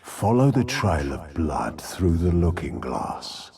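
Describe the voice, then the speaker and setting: An actor playing a menacing, deranged Victorian serial killer in a video game, husky and gravelly, with a theatrical, taunting delivery. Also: male voice, very deep voice, very animated, a little mellow, no room sound, studio quality, full character voice. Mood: sinister taunting. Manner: theatrical, taunting, drawn-out delivery swinging between murmur and roar. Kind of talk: video game villain voice acting.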